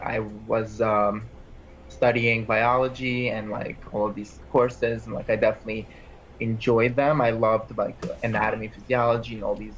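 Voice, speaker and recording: Speaking as an interview guest applying to PA school, this Armenian-born man in his twenties has a medium-pitched voice and talks in a loose, rambling way, saying "like" constantly and restarting often. The recording sounds dull and has a slight hiss or hum.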